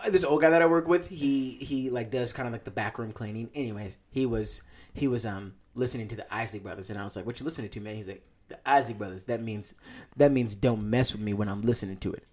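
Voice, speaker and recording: A young man co-hosting a podcast, telling stories in a casual, slangy way and laughing often. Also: fast talker. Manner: laughing storyteller, slangy, drops into a low mumble. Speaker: podcast co-host. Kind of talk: casual chat.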